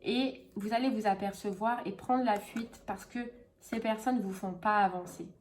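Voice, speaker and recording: A woman's voice: medium pitch, steady tone, moderate pace, darkish tone, a little hiss or hum. Chatty woman doing a casual tarot reading. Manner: chatty, many fillers and repeats. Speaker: tarot reader.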